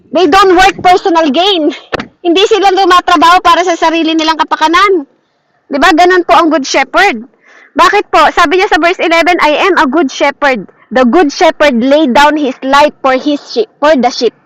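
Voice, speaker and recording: A woman preaching a daily devotion in an earnest way. She keeps checking in with listeners through short rhetorical questions and slows down on quoted verses. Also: very high-pitched, a bit bright, poor audio.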